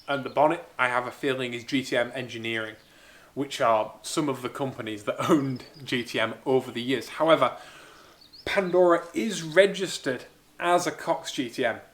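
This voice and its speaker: Man, mid-pitched voice, casual q&a vlog, chatty and enthusiastic, camera-mounted mic. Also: a bit bright. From Spain. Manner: chatty, enthusiastic, thinking aloud. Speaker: car-building YouTuber. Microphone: small camera-mounted mic.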